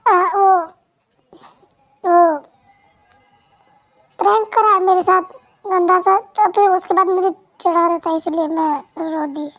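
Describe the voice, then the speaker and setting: A woman's voice: very high voice, fairly even intonation, slow, long pauses, a bit bright, no room sound, soft background music, heavily acted, rough recording. A woman voicing a pouty young wife who cries easily and talks in a whiny, sulky way, in a Hindi fan dub. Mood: covering up.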